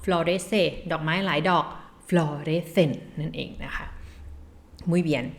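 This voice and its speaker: A woman from Thailand teaching Spanish vocabulary in a casual, chatty way, reading example phrases slowly and laughing at her own slips. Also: deep voice, steady tone. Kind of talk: casual language lesson.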